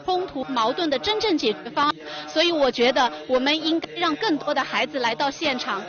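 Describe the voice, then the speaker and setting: A woman's voice: high-pitched, expressive, fairly quick. A woman guest at a temple ceremony answering interview questions fluently and earnestly. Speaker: interviewee, Buddhist event guest. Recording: slightly dull lo-fi audio with a crowd behind. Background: crowd.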